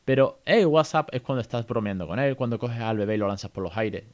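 A man with an accent from Spain talks through a relaxed podcast lesson in a somewhat low voice. He keeps things chatty and lively, checking in with his listeners through frequent little tag questions. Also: fast. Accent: Spain Spanish. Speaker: podcast host teaching English to parents.

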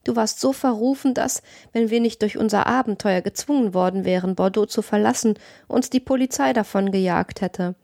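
A woman's voice: mid-range voice, normal speed, creaky, hardly any pauses, dark tone, no room sound, studio quality, lightly acted. A woman voicing an indignant, reproachful young woman accomplice in an audiobook reading.

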